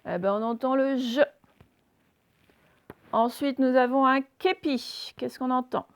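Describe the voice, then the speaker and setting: A woman teaching a phonics reading lesson, sounding out letters slowly and deliberately and putting questions to her young listeners. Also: sits high, clear, resonant tone.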